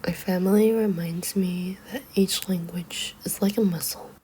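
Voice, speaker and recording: A woman reads a children's book aloud as ASMR in a hushed, librarian-like whisper. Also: lowish voice, fairly even intonation, measured pace, slight background noise. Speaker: ASMR reader.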